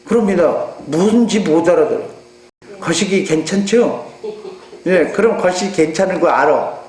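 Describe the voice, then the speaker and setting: A male pastor with a Jeolla accent, preaching a sermon in an animated way and putting rhetorical questions to his congregation. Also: high voice, normal speed. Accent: Jeolla Korean. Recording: echoey room with mains hum.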